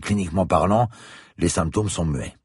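A man voicing a grave, pedantic male parasitology professor in an audiobook reading, lecturing in a precise, husky voice. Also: deep voice, moderate pace, darkish tone, no room sound, studio quality, voice pushed up.

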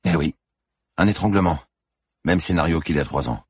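A fierce, driven police lieutenant barks out orders, as a male reader puts her on. The voice climbs well above his own into a strained, husky shout, kept close and dry. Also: a bass voice, normal speed, no echo, pitched above the performer's own voice. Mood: tense. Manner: shouting urgently.

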